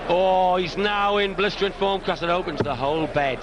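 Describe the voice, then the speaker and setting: A man's voice: high voice, moderate pace, dull audio. A man giving live darts commentary with colourful, theatrical turns of phrase. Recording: loud crowd and noise behind. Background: noisy darts crowd.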